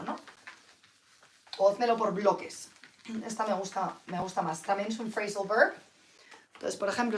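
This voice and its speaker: Hoarse woman teaching English. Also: a little high, a little hiss or hum. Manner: chatty, mixes Spanish and English, reads out viewer comments. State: sick with flu, tired. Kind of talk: live-streamed English lesson.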